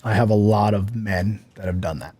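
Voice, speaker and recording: A man's voice: fairly low pitch, fairly even intonation, moderate pace, mellow, breathy edge, no echo. A man talking casually about relationships, giving blunt advice with plenty of swearing and strong emphasis. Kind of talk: casual chat.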